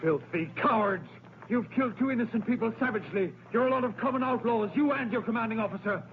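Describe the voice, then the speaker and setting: High-pitched young Roman vowing revenge, tinny soundtrack. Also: male voice, quick pace. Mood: vengeful rage. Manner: shouting defiantly, vowing revenge. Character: hot-headed grieving young Roman soldier, vengeful son. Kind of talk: dubbed historical film acting. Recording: tinny, narrow-band old film soundtrack, noisy.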